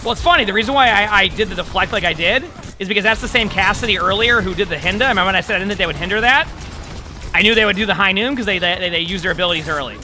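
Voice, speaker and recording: A man's voice: sits high, very fast, bright, forceful tone, soft background music. A man streaming a game, chatting casually to his viewers through a livestream headset mic. He rambles, using lots of fillers and restarts. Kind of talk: casual chat to stream viewers while gaming.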